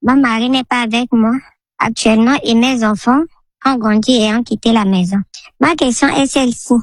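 A woman in her fifties from the Central African Republic, her voice altered by a voice changer to hide her identity, leaving an earnest, measured message on a radio show's answering machine. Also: on the high side, steady tone, no echo. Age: 50s. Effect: voice altered by a voice changer for anonymity. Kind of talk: recorded answering-machine message, personal testimony.

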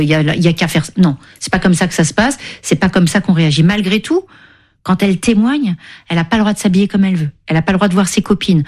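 A woman's voice: on the low side, darkish tone. Emphatic woman hosting radio. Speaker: radio host. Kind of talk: live radio health talk show hosting.

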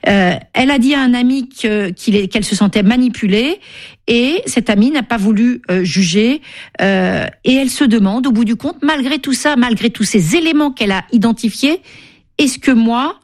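Emphatic woman hosting radio. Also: a little high. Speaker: radio host. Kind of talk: live radio health talk show hosting.

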